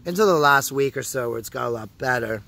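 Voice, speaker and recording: A man's voice: mid-range voice, lively intonation, fast talker, gravelly, pushed and bright. A Canadian man with a Canadian English accent ranting casually to camera, swearing often and telling his story with heavy sarcasm. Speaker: vlogger.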